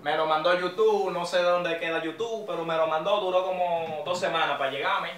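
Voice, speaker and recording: A man's voice: fairly high pitch, brisk, fairly bright tone. A young man with a Dominican accent, vlogging in a rowdy, joking, slangy way. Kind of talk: casual street-slang vlog. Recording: echoey room, mic a bit distant.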